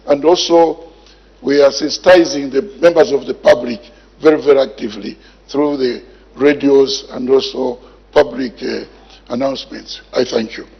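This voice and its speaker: Gravelly man answering in parliament. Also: mid-range voice, steady tone. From Zambia. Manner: measured, repeats words while thinking. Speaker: health minister answering in parliament. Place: parliament chamber. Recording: dull lo-fi broadcast sound.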